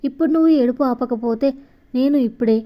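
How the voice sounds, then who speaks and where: A woman's voice: high voice, brisk, lo-fi sound, close to an everyday voice. A woman voicing a devoted young man who pleads earnestly and tenderly with the woman he loves. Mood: soothing.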